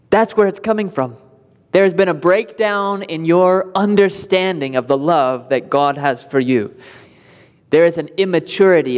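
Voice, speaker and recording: A man's voice: a little high, big-room sound. A male pastor preaching a sermon in a conversational way, with light laughs between points.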